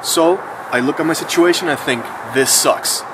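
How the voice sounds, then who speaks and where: A man in his thirties muses in a relaxed, slangy monologue for his vlog, chatting with casual asides. His voice is fairly high-pitched at a normal speed, with a noisy background.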